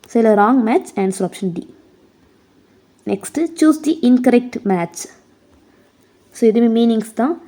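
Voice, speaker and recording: A woman with a Tamil accent teaching an exam prep lesson, reading English questions slowly and explaining them in quick Tamil. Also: a little high, lively intonation, dark tone.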